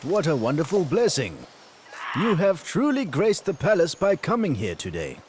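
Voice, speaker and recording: A man's voice: fairly high pitch, huge pitch swings, moderate pace, slight background noise. An actor dubbing a sly, sarcastic male court spy in a historical drama. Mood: mocking. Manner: mocking, sarcastic. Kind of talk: English dub of a historical drama.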